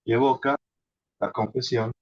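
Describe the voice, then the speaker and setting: A man teaching contemplative prayer in an unhurried, halting way, often adding a questioning tag. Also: medium pitch, steady tone, breathy edge, no room sound. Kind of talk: instructional talk on contemplative prayer. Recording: dull lo-fi sound.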